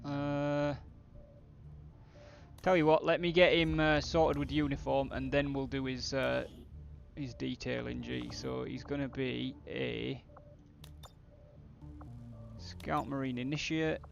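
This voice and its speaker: A man's voice: medium pitch, level tone, slow pace, creaky, pauses often, lo-fi sound, soft background music. A British man doing casual, blokey, sweary game commentary as a streamer chatting with viewers. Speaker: gaming streamer.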